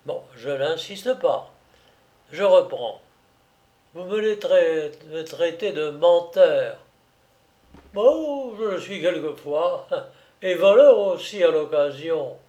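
A smooth-talking gentleman thief, bright-spirited and mockingly courteous, as a man reading a story puts him on. He speaks in a slightly high voice at an unhurried pace. He sounds like a figure in a read-aloud tale. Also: expressive, dull audio. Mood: jovial. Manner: cheerful, mocking politeness.

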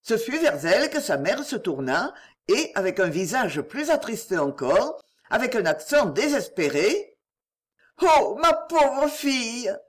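A woman narrating a classic novel aloud in an expressive, measured reading. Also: medium pitch, slightly rough. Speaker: audiobook narrator. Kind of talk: scripted narration.

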